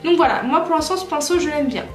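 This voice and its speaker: A woman's voice: sits high, quick pace. A young woman from France chatting casually through a makeup tutorial, with lots of fillers and self-corrections. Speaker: beauty vlogger. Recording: roomy echo with soft music behind.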